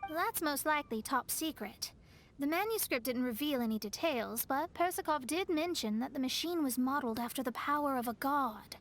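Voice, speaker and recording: An outspoken young adventurer in a video game. She speaks in a high voice, in a direct, brisk way. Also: lively intonation, a bit bright, slight background noise.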